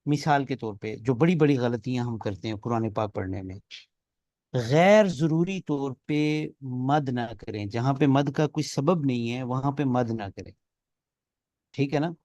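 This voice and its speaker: A man gives a classroom lecture on Quran recitation at a middle pitch, explaining the rules one at a time. He keeps stopping to chant sample words aloud, stretching them to show correct and wrong sounds. The recording is close and dry, with no room echo. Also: a little mellow, dull audio. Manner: explains step by step, models recitation examples aloud. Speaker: tajweed teacher.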